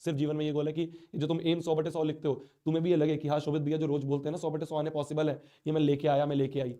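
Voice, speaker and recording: A man's voice: on the high side, monotone, rapid-fire, mellow. A man teaching a live online class, speaking in a hurt, earnest, pleading way while he has a sore throat and a stuffy nose.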